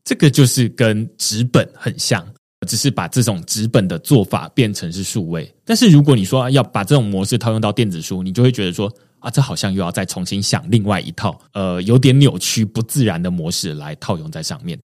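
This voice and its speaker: A man, hosting a podcast and explaining his points in a measured, conversational way. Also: lowish voice, lively intonation, a little mellow. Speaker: podcast host. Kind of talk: casual podcast discussion.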